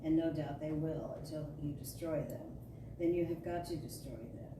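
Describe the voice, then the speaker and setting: A woman gives a dramatic reading of a metaphysical sermon in a deep voice, approaching the spiritual talk as a storyteller. She is emphatic and declarative, choosing her phrasing deliberately. The hall is a large indoor spiritual center room, and the recording, made from far away, is echoey and noisy.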